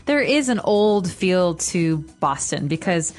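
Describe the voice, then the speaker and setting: A woman co-hosting an English-learning podcast, explaining vocabulary slowly and clearly like a teacher. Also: fairly low pitch, very animated, soft background music. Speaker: podcast co-host.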